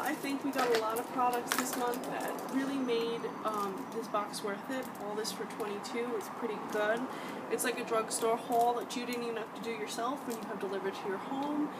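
A woman in her twenties reviewing beauty products in her bedroom, talking chattily and with enthusiasm, with frequent ums and restarts. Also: fairly high pitch. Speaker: beauty vlogger. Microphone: webcam at desk distance. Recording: distant mic, loud background noise.

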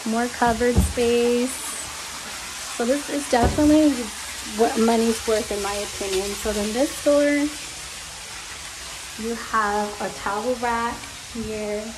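Young woman, higher voice, enthusiastic vlogger, casual room tour, handheld phone, noisy background. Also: unhurried. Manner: gushing, enthusiastic. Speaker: travel vlogger. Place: villa rooms and outdoor terrace. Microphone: handheld phone camera.

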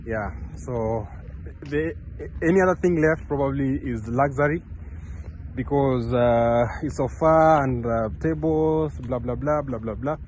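A young Kenyan vlogger walks a park path beside a road, talking earnestly to the phone camera he holds close. His medium-pitched, slightly mellow voice is unhurried, and the casual talk rambles with many restarts and fillers over a little hiss or hum.

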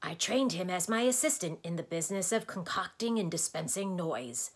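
A woman's voice: fairly low pitch, expressive, normal speed, husky, voice pushed up. A woman voicing a blustering, easily exasperated male doctor in a storybook, lecturing and quizzing emphatically. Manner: emphatic, questioning, declamatory.

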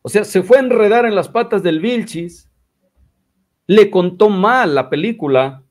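A man's voice: sits high, lively intonation, measured pace. Combative man. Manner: combative, mocking, quotes others in exaggerated voices. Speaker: commentator replying to critics. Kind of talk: religious commentary video.

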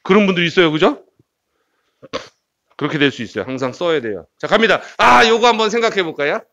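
A man teaching English pronunciation in a lively, joking lecture style, jumping from loud bursts to quiet asides. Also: high-pitched, fast talker. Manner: playful, jokey, swings between loud bursts and quiet asides. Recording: dull lo-fi lecture recording.

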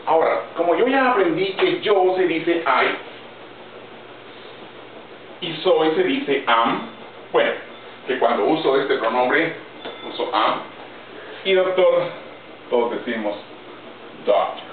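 A man teaching English grammar in Spanish, slow and deliberate, spelling out each example word by word. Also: on the high side, lively intonation. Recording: roomy, distant, phone-like audio with faint noise.

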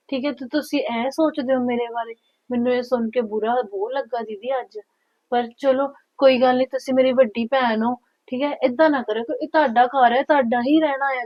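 A young woman plays a patient daughter-in-law in a Punjabi short film, coaxing and soothing in a high voice with a Punjabi accent. The recording is dry and a little dull. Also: dry recording. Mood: warm reassuring.

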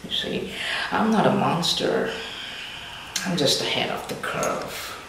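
A man's voice: a little high, expressive, exaggerated voice. A man acting as a taunting, theatrical, deranged clown criminal in a crime drama, drawing out words erratically. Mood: sinister, persuasive. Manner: drawn-out, taunting, erratic, breathy drops to near-whisper. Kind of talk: dramatic villain monologue in interrogation. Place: small dim bare room, seated. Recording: very echoey, distant, noisy fake old tape.

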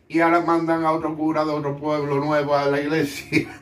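A man, co-host of a home cooking show, telling a long joke in a lively way and laughing at his own punchlines. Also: fairly high pitch, a little fast, reverberant, far from the mic. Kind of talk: telling a joke, casual kitchen chat.

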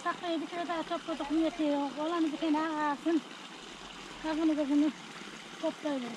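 High-voiced woman, noisy outdoors. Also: flat delivery, unhurried. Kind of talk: casual family chat outdoors.

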